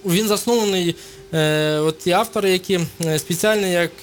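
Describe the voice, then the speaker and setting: A man's voice: high-pitched, normal speed. A man speaking as a guest on a radio show, explaining at length with frequent hesitations and fillers. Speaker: studio guest. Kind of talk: radio interview.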